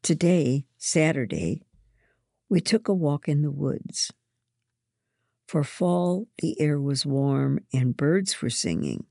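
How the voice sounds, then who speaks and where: A woman reading a first-person story aloud in a gentle, measured way. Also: deep voice, very animated, gravelly, dry recording, clean studio sound. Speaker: narrator.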